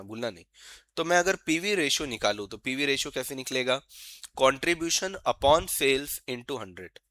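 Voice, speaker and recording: A man giving an exam-prep lecture, coaxing his students and asking questions he answers himself, and slowly reading out formulas as he writes them. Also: mid-range voice, bright, forceful tone, no room sound. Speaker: teacher.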